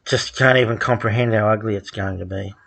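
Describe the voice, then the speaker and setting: A man talks on his own at home in a loose, rambling monologue. His voice sits fairly low, and he often stops with an um and restarts mid-sentence. Dry, sardonic asides run through the whole thing. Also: fairly even intonation, creaky, fairly bright tone. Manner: halting, many ums and restarts, sardonic asides. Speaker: podcast host.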